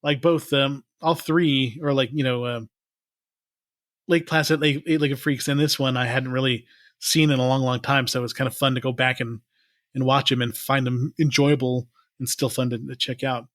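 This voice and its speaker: A man in his forties chatting loosely on a podcast mic. He rambles, restarts sentences and laughs a lot. His voice is mid-pitched and recorded dry. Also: fairly even intonation, moderate pace, fairly bright tone, dry recording. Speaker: podcast co-host. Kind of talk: casual chat.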